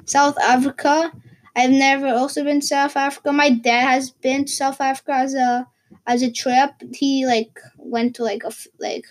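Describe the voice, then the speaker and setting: A woman's voice: high voice, flat delivery, moderate pace, rough recording. A teenage girl from Portugal, vlogging in a casual, rambling way with lots of fillers and restarts. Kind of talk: casual chat.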